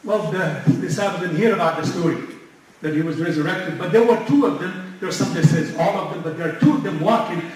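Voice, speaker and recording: A man with a high-pitched voice gives a religious lecture in a loose, conversational way, stopping often to search for the right word. He is recorded from far off in a big, very echoey mosque hall. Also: a little fast, a little mellow. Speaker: mosque speaker.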